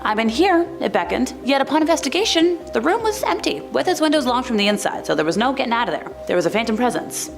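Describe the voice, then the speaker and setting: Wry woman narrating over clear background music. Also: fairly high pitch, big pitch swings, quick pace, hardly any pauses. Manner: wry, jokey asides. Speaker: countdown narrator. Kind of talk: scripted countdown narration with casual asides.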